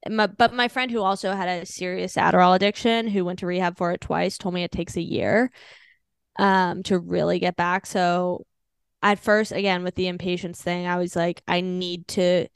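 Frank, rambling woman with a smooth voice. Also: on the low side, level tone, moderate pace, no echo. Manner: rambling, frank, swears freely, laughs at dark moments. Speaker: podcast guest. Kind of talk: candid personal storytelling.

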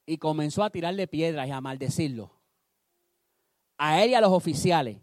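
High-voiced animated preacher man. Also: normal speed, dry recording, clean studio sound. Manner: animated storytelling, acting out voices. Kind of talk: sermon.

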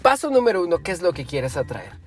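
A man speaks in a notably high voice, coaching the listener through a self-help talk. He talks animatedly, asking himself questions and counting off steps. Soft music plays faintly behind him. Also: sing-song, fast. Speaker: motivational speaker.

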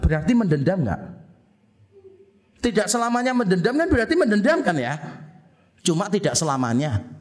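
A middle-aged male pastor preaching a sermon, asking rhetorical questions, answering them himself, and repeating phrases for emphasis. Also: sits high.

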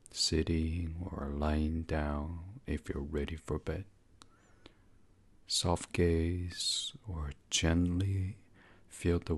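A man with an extremely low-pitched voice guides a sleep meditation, hushed, breathy, and unhurried. His soothing, instructional words often slip toward a whisper.

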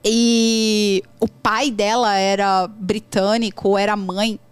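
A woman's voice: mid-range voice, slow pace, clean tone, no echo. A Brazilian woman with a Brazilian accent, telling stories and giving advice on learning English in an emphatic, repetitive way. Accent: Brazilian Portuguese. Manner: animated storytelling with emphatic repetitions. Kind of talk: casual conversational advice.

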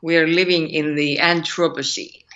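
A Finnish ethics scholar speaks with a Finnish accent during an interview over a call, thinking aloud in a thoughtful, searching way and posing rhetorical questions. Her voice is low-pitched, steady and a bit bright, at normal speed, with the highs cut off.

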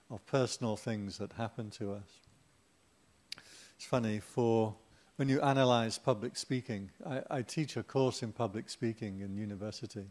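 A man's voice: mid-range voice, a little mellow. Middle-aged male Buddhist teacher, informal Dharma talk, mid-range voice, chatty, light humor with asides.

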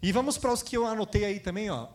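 Brazilian pastor guy preaching, pretty high voice, lively, does little voices for the people he quotes. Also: fast. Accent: Brazilian Portuguese. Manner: lively, acts out quoted voices and asks the audience questions. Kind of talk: sermon to a congregation.

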